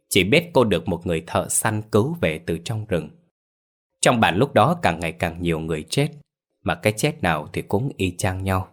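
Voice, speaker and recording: A man's voice: deep voice, a bit bright. A man narrating a ghost story in a dramatic, suspenseful way.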